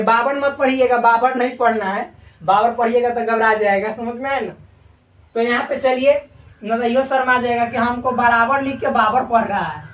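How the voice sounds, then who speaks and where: A man's voice: very high-pitched, distant mic. A male maths teacher gives a casual, joking lesson, stretching and repeating his words. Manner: joking, colloquial, drawn-out repetitions. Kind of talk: casual classroom lecture. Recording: echoey room, voice from afar.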